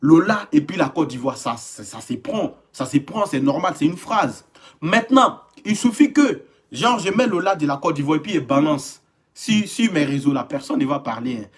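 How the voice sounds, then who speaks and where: Young male streamer with a slightly high voice and an animated, repetitive delivery that slips into imitations of his commenters. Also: moderate pace. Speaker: live-stream host. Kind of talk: casual live-stream monologue.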